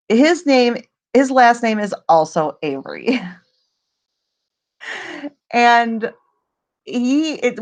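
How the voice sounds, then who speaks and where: Chatty woman hosting a livestream. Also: medium pitch. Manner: chatty, rambling, laughs often. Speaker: livestream host. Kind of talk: casual livestream Q&A.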